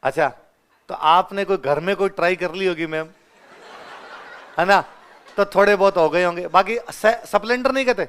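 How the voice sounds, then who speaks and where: Speaking at a moderate pace with long pauses, this young Rajasthani teacher, who has a Ganganagar-area Hindi accent, has a clear, resonant, fairly high voice. He livens his lecture with classroom stories, performing the dialogue and frequently laughing.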